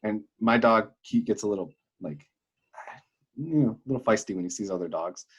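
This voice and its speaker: A man's voice: on the low side, expressive, normal speed, breathy edge, lo-fi sound. A young man co-hosting a podcast, chatting casually and telling stories with lots of fillers. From Wisconsin. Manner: chatty storyteller, many fillers. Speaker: podcast co-host. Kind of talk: casual chat.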